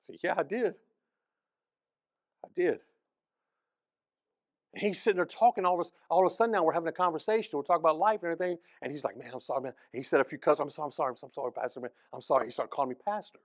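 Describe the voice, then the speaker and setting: A man preaching as pastor, telling the story in an animated way, acting out the people in it and restarting phrases often. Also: a little high, rapid-fire, long pauses, no room sound. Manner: animated storytelling, acts out voices, frequent restarts. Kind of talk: sermon.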